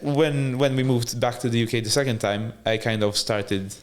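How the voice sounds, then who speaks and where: On a podcast, a male guest with a medium-pitched voice talks at normal speed. His casual interview storytelling about his life wanders in a relaxed way, full of restarts and easy laughter.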